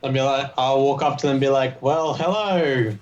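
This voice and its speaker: A man's voice: medium pitch, monotone, fast. A man chatting casually as a player in a tabletop game, on a muffled, distant mic.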